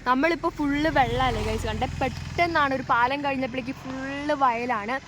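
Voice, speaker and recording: A woman's voice: sits high, brisk. A woman with a northern Kerala Malayali accent doing a casual, enthusiastic travel vlog outdoors, mixing English words into her Malayalam and addressing her viewers. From Wayanad, Kerala, India. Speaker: travel vlogger. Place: outdoors by backwaters, paddy fields and on a canoe. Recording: noisy outdoor recording with ambient sound.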